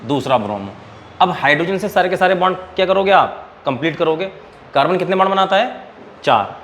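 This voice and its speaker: Male chemistry tutor, classroom lecture, slightly raised pitch, quizzing students, quiet background noise. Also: expressive, fairly quick. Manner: quizzes students and answers his own questions; calls students "beta". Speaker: chemistry teacher.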